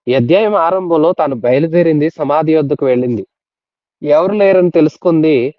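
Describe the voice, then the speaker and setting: A man preaching a Bible study sermon, retelling the story earnestly and dropping to soft, low tones at key moments. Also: no room sound, dull audio.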